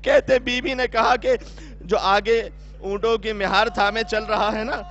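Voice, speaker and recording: A man's voice: high voice, steady tone, fairly bright tone. A male preacher giving a mournful Muharram sermon in Urdu, with a Pakistani accent, impassioned and weeping as he cries out the story. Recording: dull lo-fi recording.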